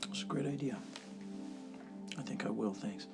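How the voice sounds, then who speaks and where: An actor playing a gentle, wistful brother in a soap opera, speaking softly and reflectively with hesitant pauses. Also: male voice, mid-range voice, vocal fry, natural voice. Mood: tender. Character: gentle, wistful older brother recalling a lost child. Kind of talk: soap opera dramatic acting. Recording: music under the dialogue.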